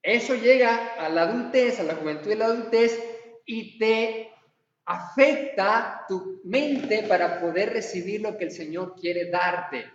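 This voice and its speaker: High-voiced preacher in an echoey hall. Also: male voice, a little slow, slight background noise. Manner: animated, acts out quoted dialogue. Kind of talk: sermon. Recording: echoey hall, far from mic, dull lo-fi sound.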